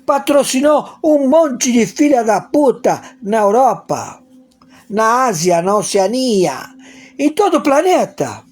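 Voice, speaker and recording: A man's voice: very high voice, very animated, slow, darkish tone. A man giving a crude, profane political rant in an emphatic, repetitive way, acting out imagined dialogues.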